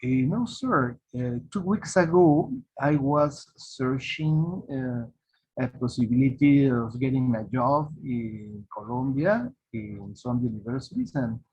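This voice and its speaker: Hesitant man, slow and breathy. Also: medium pitch, lively intonation, darkish tone. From Peru. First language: Spanish. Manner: halting, hesitant, many restarts. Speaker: participant. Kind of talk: conversation on a video call. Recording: muffled lo-fi call audio.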